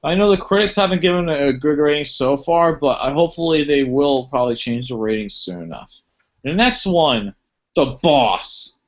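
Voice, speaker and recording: A man's voice: on the high side, animated, normal speed. A man with a slightly raised voice runs a home movie podcast, plain and opinionated. The recording is muffled and lo-fi. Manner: opinionated, reads summaries stiffly. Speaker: podcast host. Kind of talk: casual movie chat.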